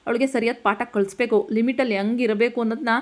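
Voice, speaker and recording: An angry young husband tears into his wife with sharp, heated scolding, as a woman storyteller puts him on. The voice sits fairly high and pushes hard through each complaint. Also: fairly even intonation, fast, lightly acted.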